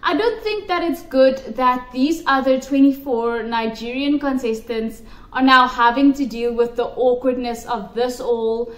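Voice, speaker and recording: A South African pageant commentary vlogger speaks to camera with emphatic, opinionated remarks, repeating her points for emphasis. Her voice is high-pitched and unhurried, and the room gives the recording an echo.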